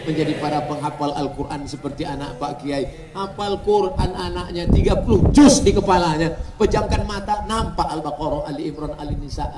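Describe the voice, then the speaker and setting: A man preaching a humorous sermon at a mass gathering, joking and swinging between soft asides and loud exclamations. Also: a little high. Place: outdoor stadium. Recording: echoey stadium PA from far off, noisy.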